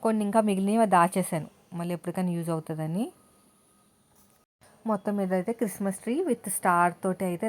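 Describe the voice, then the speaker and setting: Chatty woman. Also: lowish voice. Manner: talkative, addresses viewers directly. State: tired. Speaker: vlogger. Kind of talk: casual chatty home vlog.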